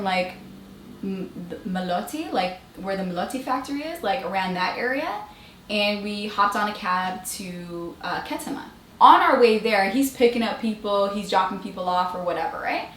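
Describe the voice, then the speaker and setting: A young woman telling funny travel stories in a casual vlog, animated and laughing often as she acts out the people she quotes. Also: mid-range voice, measured pace, slight background noise. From Eritrean family abroad. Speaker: beauty vlogger. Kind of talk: casual storytelling while doing makeup. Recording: echoey room.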